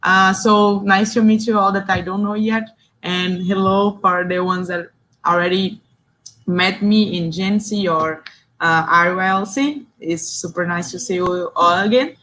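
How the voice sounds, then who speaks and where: A young Brazilian facilitator with a Brazilian Portuguese accent runs an online workshop in English, reading chat replies aloud and interjecting short compliments. Her mid-range voice is a bit bright, with fairly even intonation and a measured pace. The low-quality recording has a little hiss or hum.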